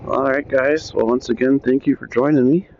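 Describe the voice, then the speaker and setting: A man's voice: medium pitch, steady tone, normal speed. A man chatting casually while riding a motorcycle outdoors, his voice picked up by a cheap helmet intercom headset mic. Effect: heard through a motorbike helmet intercom mic. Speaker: motorcycle vlogger. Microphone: cheap Bluetooth helmet headset mic. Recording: muffled lo-fi helmet mic with faint road noise.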